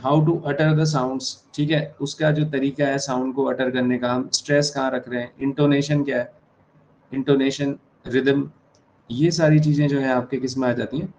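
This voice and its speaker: A man teaching an exam-prep class in Hindi and English. He dictates key terms slowly, repeats them and keeps checking that the class understands. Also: mid-range voice, darkish tone, slight background noise, rough recording. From India. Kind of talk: online exam-prep lecture.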